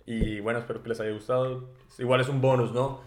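A man hosting a casual podcast chat, animated and laughing often as he tells stories. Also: mid-range voice, fairly quick, reverberant. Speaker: podcast host.

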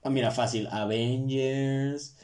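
A man's voice: mid-range voice, steady tone, slow, a little mellow. Young Mexican male podcast host, casual joking monologue, self-deprecating, slang-heavy. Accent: Mexican Spanish.

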